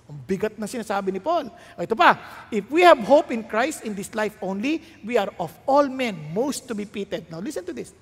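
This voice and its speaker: High-voiced preacher in a hall. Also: male voice, expressive, moderate pace, few pauses, slightly rough. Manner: mixes Tagalog and English, builds to shouted peaks. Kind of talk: sermon. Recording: long hall reverb.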